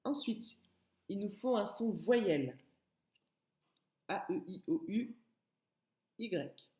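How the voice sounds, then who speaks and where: Slow, patient woman teaching young children. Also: mid-range voice, expressive, mellow, roomy sound. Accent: French. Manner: slow, patient, spelling out sounds and syllables. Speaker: kindergarten teacher. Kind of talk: remote writing lesson for young children.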